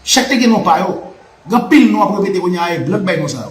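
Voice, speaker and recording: Talking fast and expressively in a high voice, this Haitian man hosts a live political and history show with a Haitian Creole accent. The audio is poor and the room echoey, and his delivery is fervent and repetitive, like preaching.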